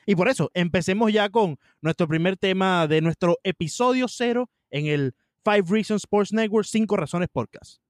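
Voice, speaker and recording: A man's voice: high voice, normal speed, few pauses, dry recording, clean studio sound. A man co-hosting a sports podcast in casual chat, speaking Spanglish, mixing English words into his Spanish.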